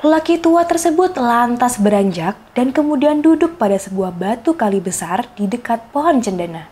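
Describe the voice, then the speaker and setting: A woman with a fairly high, dark voice and a breathy edge tells a scripted children's story at a moderate pace, speaking expressively to her young listeners. She's the storyteller hosting a children's folktale show, with faint music playing behind her.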